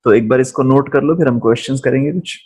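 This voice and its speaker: A man teaching physics in a live online class, speaking deliberately slowly and often checking in with his students. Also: medium pitch, a little mellow. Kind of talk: live online lesson, mixing Hindi and English.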